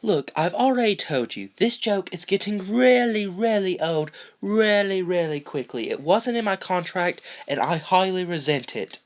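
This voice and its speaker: A man's voice: high-pitched, lively intonation, moderate pace, hardly any pauses, pitched above the performer's own voice. A man voicing a wisecracking talking banana who makes sarcastic jokes. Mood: snarky. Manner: sarcastic, fourth-wall jokes. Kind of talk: fan cartoon parody voice acting.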